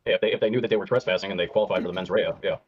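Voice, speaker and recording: A man arguing his side as a guest in a heated live-stream debate, talking fast and pressing his point, heard over muffled low-quality stream audio. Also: a little hiss or hum.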